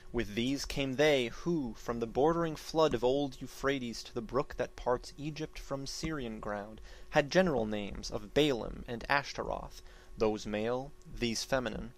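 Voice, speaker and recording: A man with a mid-pitched voice reads epic verse in a theatrical, stage-actor manner. His delivery is solemn and deliberate, with emphatic swells that drop into quieter phrase endings. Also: poor audio. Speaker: narrator reading an epic poem. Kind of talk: dramatic reading of archaic epic verse.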